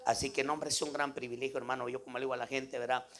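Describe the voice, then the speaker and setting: An evangelical preacher with a Guatemalan accent delivers an impromptu, exhortative sermon to a congregation, full of devotional interjections and tag questions. His medium-pitched voice is level in tone and a bit bright, and he races along.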